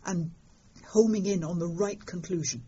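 An older woman, telling stories in an interview in a lively, wry way. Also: fairly low pitch, moderate pace, slightly rough. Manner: lively storytelling, fond of understatement. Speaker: interviewed astronomer. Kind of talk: conversational interview. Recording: dull lo-fi sound.

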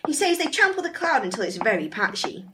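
A woman's voice: sits high, very animated, quick pace, noisy background. A woman playing a chatty, motherly giant's wife who fusses over a visitor. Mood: fussing. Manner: chatty, fussing.

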